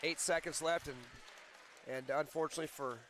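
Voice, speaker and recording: A man commentating a high school wrestling meet, chatty and explaining rules and team scores. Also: steady tone, brisk, crowd noise. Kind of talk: local sports commentary. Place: school gym.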